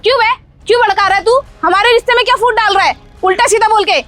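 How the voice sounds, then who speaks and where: Woman playing a scheming cartoon wife, very high voice, bossy, scolding, evasive, faint music underneath. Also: quick pace, fairly bright tone, no room sound. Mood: indignant. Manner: scolding, dismissive, full of excuses. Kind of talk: Hindi cartoon story dubbing.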